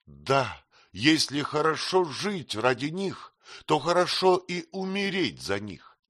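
A man's voice: fairly high pitch, sing-song, slow pace, fairly bright tone, dry recording, studio quality, pitched above the performer's own voice, exaggerated voice. A man reading an audiobook, voicing a young woman who is anxious but resolute. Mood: anxious resolve.

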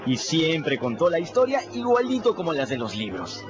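A slightly high voice swoops wildly in pitch at a moderate pace as the actor portrays a restless teenage runaway narrating his story in a casual, folksy, plain-spoken manner. It's a radio play, muffled, with music.

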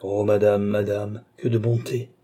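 A modest young woman, unwell and reserved, answering in soft, restrained words, as a man reading a storybook puts her on. Only a little higher than the narration, still husky and dark. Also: level tone, a little slow. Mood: reserved, troubled.

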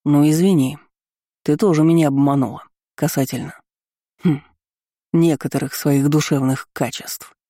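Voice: medium pitch, steady tone, moderate pace, dark tone, dry recording, studio quality, lightly acted. A reader playing a sardonic, bitter young man who talks in a cool, cutting, mocking way, in an audiobook.

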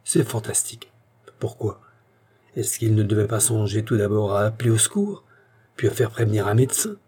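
A man's voice: fairly low pitch, normal speed, warm tone, slightly rough. A man reading the part of a bitter, indignant young man accused by a police inspector, in a curt, logical manner.

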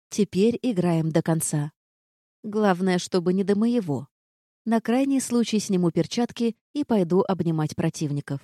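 A woman reading a fantasy story aloud in the first person, calm and even in her storytelling. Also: medium pitch, no echo, clean studio sound. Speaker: audiobook narrator. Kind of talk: first-person audiobook narration.

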